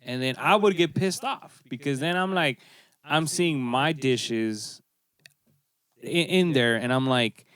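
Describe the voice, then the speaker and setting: A man on a casual podcast, relaxed and rambling, repeating words as he talks. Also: medium pitch, slow pace.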